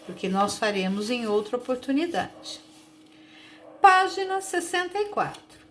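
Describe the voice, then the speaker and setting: A woman teacher with a Brazilian Portuguese accent, slowly and patiently sounding out words for young children in a recorded lesson. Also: on the high side, very animated, a little hiss or hum. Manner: slow, patient, sounds out words and stretches syllables. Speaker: primary school teacher.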